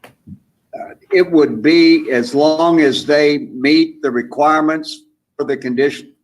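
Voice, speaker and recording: A man speaking in a meeting over glitchy call audio that keeps breaking up, halting and hesitant. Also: a little high, poor audio. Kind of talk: meeting discussion.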